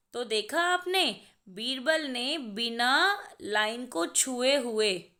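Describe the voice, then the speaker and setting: A woman's voice: fairly high pitch, sharp tone. A woman teacher, patiently explaining a lesson to young children and spelling out words sound by sound. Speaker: primary school teacher.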